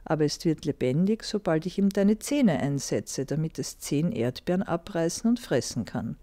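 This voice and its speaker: A woman reading a fairy tale aloud and voicing a mysterious old woman who guards a mountain path, with a calm, teasing manner. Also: low voice, normal speed.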